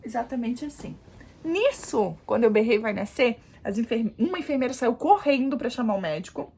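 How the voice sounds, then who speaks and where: High-voiced animated woman vlogger. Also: a little fast, gravelly, husky. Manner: animated, addresses viewers as "gente", demonstrates positions. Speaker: vlogger, new mother. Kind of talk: casual storytelling to camera.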